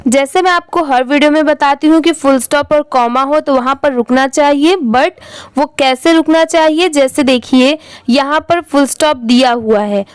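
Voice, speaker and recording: Woman teacher, high voice, slow careful spelling, dry close sound. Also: dry recording, low-quality recording. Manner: spells words letter by letter, then reads them slowly. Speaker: English reading teacher. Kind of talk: step-by-step spelling and reading lesson.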